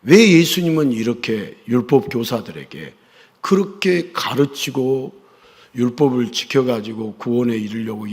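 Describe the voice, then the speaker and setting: A male pastor preaching a sermon in a church, firing questions at his congregation and pressing them to answer, swinging between loud emphasis and hushed asides. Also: mid-range voice. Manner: call-and-response questioning of the congregation. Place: church sanctuary. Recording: long church reverb.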